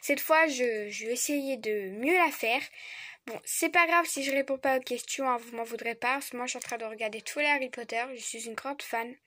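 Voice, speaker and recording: A young woman chatting casually as she opens trading card packs, stammering and gushing like an excited fan. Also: on the high side, fairly quick. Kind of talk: casual unboxing vlog chat.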